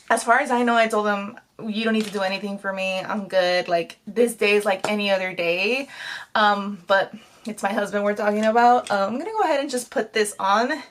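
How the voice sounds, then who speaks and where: A woman's voice: medium pitch, fairly bright tone. A woman in her thirties chatting to viewers in a casual makeup tutorial vlog at home, talkative and bubbly. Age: 30s. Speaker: beauty vlogger.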